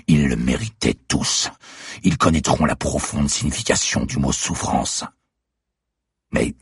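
A cold young masked killer taunts his captive in a very deep, gravelly, husky voice, as a male audiobook reader puts him on. He speaks slowly and deliberately, sneering at every word, and the recording is close and dry. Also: no echo, exaggerated voice.

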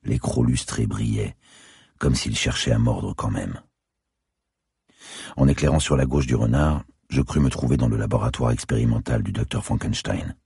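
Male narrator, crime thriller audiobook, measured, extremely deep voice, very husky. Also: no echo, studio quality. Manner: measured, dark, descriptive reading. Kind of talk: first-person thriller narration.

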